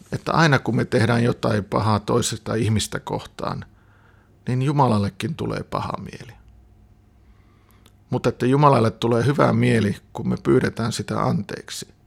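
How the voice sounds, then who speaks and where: A man's voice: medium pitch, vocal fry, slightly rough. A man voicing an earnest young boy who pleads and explains in a storybook reading.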